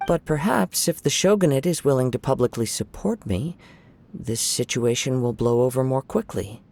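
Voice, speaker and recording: A man voices a calm, courteous young wandering swordsman in a video game, speaking in formal wording with a gentle, reflective manner. His mid-range voice moves at a moderate pace, sounding reflective and reserved.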